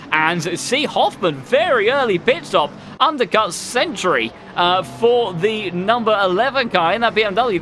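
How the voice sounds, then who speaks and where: A man works as a motorsport commentator, calling the race in a high, bright and forceful voice. His play-by-play flows along descriptively with colourful phrasing, over faint background noise. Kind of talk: live sim-racing race commentary.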